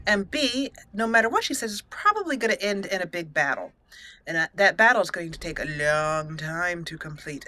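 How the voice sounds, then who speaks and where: Game music plays while a gaming channel host chats casually and thinks out loud during a let's play. Her medium-pitched voice sounds pushed and bright, with slight background noise.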